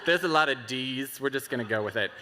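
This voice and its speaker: A man's voice: mid-range voice, fast talker, noisy background. A man hosting a convention masquerade on stage, reading bios playfully, laughing and stumbling over names. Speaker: masquerade emcee. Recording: echoey convention hall.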